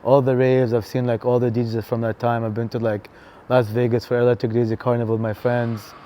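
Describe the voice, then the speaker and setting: Laid-back DJ guest, man in his thirties, dark mellow tone, filler-heavy casual talk. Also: mid-range voice, fairly quick, a little hiss or hum. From Canada. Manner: relaxed, chatty, lots of fillers and "bro". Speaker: DJ and venue co-founder, guest. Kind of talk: casual interview chat.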